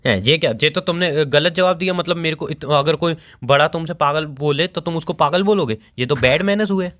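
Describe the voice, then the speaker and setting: A man's voice: on the high side, brisk, a bit bright. A man in his twenties complaining and joking in casual phone banter with his girlfriend. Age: 20s. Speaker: boyfriend on a phone call.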